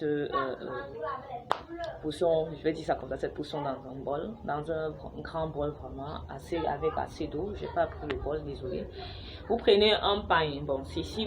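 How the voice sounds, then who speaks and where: In her home, with noisy neighbours and children playing outside clearly audible, a young Cameroonian vlogger gives a casual how-to on a home remedy. She speaks in a quite low voice, chatty yet halting, with many fillers and restarts.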